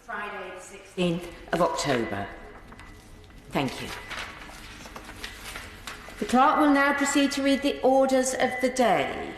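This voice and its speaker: A woman chairs parliament with formal procedural calls, her pitch rising and falling markedly. Her voice echoes around the hall, with faint noise behind it. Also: very animated, slow, pauses often. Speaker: deputy speaker chairing parliament. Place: large indoor debating chamber.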